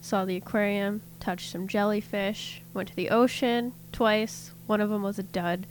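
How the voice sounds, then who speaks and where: Woman, mid pitch, chatty host, laughs easily, faint hum behind. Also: steady tone, unhurried. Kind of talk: casual chat.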